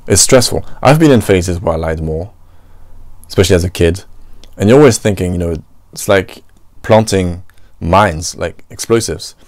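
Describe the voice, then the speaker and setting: A restaurant worker from France, an adult man with a French accent, hosts a solo podcast where he reflects aloud, often using "you know" and "right." His voice sits low with a darkish tone at normal speed, and the clean studio recording has no room sound.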